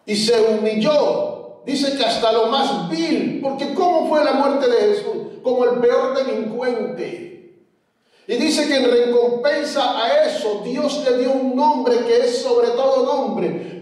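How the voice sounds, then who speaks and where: A man's voice: extremely high pitch, a little mellow. A man preaching a sermon as pastor, telling stories and speaking straight to his congregation. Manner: storytelling, addressing the congregation directly. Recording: very echoey, from far off the mic.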